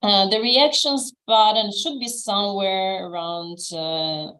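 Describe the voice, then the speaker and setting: A woman's voice: medium pitch, steady tone, slow pace, a bit bright, a little hiss or hum, low-quality recording. Russian-raised woman hosting an online class. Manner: friendly, instructive, with frequent fillers. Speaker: host and English teacher. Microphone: video call.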